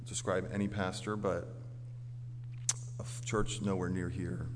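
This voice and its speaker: Amid background noise in a reverberant large hall, an American pastor from Orlando, Florida, preaches a sermon in a low voice with flat delivery and an unhurried pace. He stays earnest and emphatic, ranging from forceful declarations to quieter storytelling.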